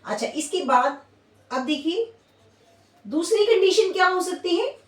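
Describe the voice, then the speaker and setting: A woman's voice: extremely high pitch, animated, a little slow. A woman with an Indian accent teaching English pronunciation in Hindi, stopping again and again to check the class is following. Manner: repetitive, checks in with "theek hai". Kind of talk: classroom lesson. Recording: roomy echo from a distance.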